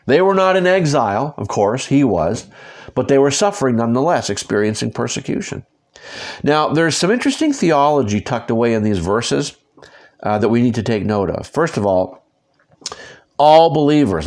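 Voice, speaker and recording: A man teaching a Bible study on his podcast, talking to listeners directly and conversationally. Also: mid-range voice. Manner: conversational, direct, asks listeners to follow along. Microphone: podcasting microphone.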